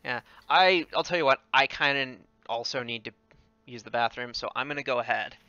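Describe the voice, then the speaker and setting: A man running a tabletop game as game master, halting with many ums and restarts. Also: mid-range voice, sharp tone, clear, resonant tone, dry recording. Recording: dry, muffled voice chat.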